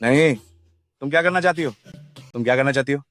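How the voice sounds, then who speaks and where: A man's voice: medium pitch, fast, fairly bright tone, faint music behind, natural voice. An actor dubbing a sleazy male thug who leers and then begs in panic. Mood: panicked. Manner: leering, then pleading in panic. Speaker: hired thug. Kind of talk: Hindi dub of a drama.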